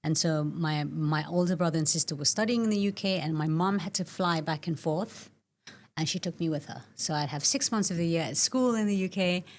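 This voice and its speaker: Middle-aged woman guest from Malaysia, low-pitched, reflective and storytelling. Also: brisk. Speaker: guest, nervous system coach. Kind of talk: casual interview conversation.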